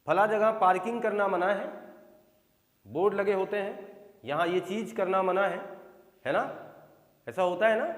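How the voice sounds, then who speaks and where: A man teaching a grammar lesson for exam preparation, explaining with many repeated example sentences and often checking whether listeners follow. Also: high voice. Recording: echoey room with long reverb.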